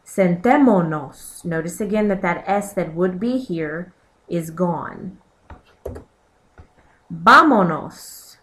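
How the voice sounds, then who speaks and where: A woman's voice: fairly low pitch, fairly even intonation, a little slow, a little mellow. A woman teacher narrating a recorded slideshow lesson, explaining step by step and pointing to examples on the slides. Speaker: Spanish teacher.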